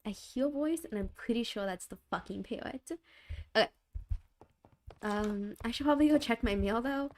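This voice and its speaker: A woman's voice: fairly high pitch, moderate pace, long pauses, darkish tone. Giggly young woman chatting on stream. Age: young adult. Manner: giggly, rambling, repeats herself. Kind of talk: casual live-stream chat. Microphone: desk microphone.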